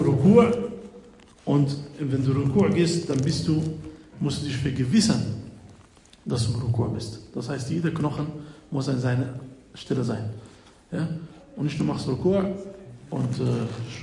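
A man's voice: medium pitch, normal speed, creaky, dark tone. A man giving a religious lesson, checking in with frequent "ja?" and explaining step by step. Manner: explains with frequent "ja?" checks, slightly nonstandard grammar. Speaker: preacher. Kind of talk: religious lesson retelling hadith. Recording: echoey hall with faint noise.

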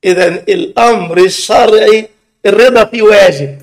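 A man's voice: high-pitched, moderate pace. A man with an Egyptian Arabic accent preaching a sermon, emphatic and scolding with rhetorical questions.

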